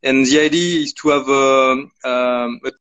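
A man's voice: mid-range voice, steady tone, a little slow, a bit bright, smooth. A man, a cellar master interviewed over a glitchy call that keeps cutting out, speaking hesitantly with many fillers. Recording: muffled lo-fi call audio.

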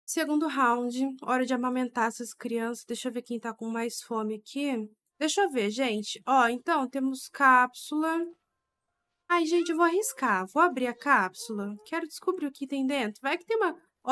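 A woman's voice: high voice, a bit bright. A young woman giving chatty, exclamation-filled commentary while playing a life-simulation game and talking to her viewers. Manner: chatty, exclaiming, talks to the audience as "gente". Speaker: gaming streamer. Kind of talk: casual let's-play commentary.

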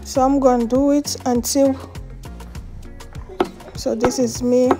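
Filmed outdoors on a patio and in a home kitchen, this cooking vlogger talks casually in English, her second language after French or Swahili, often laughing and hunting for words. She has a high-pitched, mellow voice at a level tone and slow pace, with soft background music.

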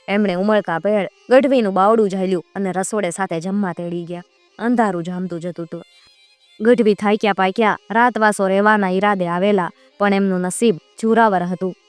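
A woman storyteller narrating a folk tale in a measured, expressive way. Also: mid-range voice, dry recording.

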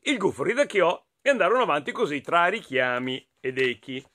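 A man with an Italian accent reading a children's picture book aloud, expressive and playful, talking to his listeners. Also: fairly high pitch, a little fast. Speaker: storyteller.

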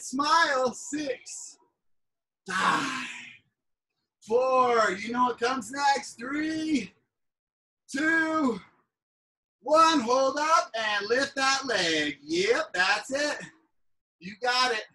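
A woman's voice: fairly high pitch, pushed and bright. A woman leading a fitness class as instructor, coaching with countdowns and upbeat, hyped encouragement, often raising her voice to cheer people on. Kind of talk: energetic workout coaching with countdowns. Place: indoor room, live group video call. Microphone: device set back from the exerciser. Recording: distant mic on video call.

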